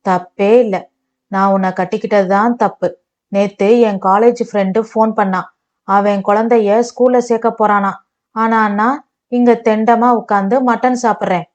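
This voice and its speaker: A woman's voice: medium pitch, fairly even intonation, normal speed, lo-fi sound, natural voice. A woman voicing a bitter, sarcastic young husband who mocks and accuses his wife. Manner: mocking, accusing.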